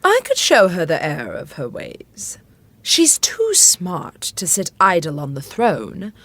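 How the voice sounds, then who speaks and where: A woman's voice: fairly low pitch, wildly swooping pitch, slow, fairly bright tone, no echo, full character voice. An actress playing an anxious, devoted middle-aged widowed queen in an audio drama, with refined, earnest and emotive delivery. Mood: coaxing.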